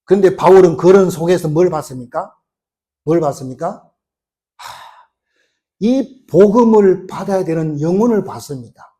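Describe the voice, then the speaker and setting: Emphatic Korean preacher, high lively voice. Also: male voice. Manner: emphatic preaching with rhetorical questions; colloquial storytelling, retelling scenes. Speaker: pastor. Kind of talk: sermon.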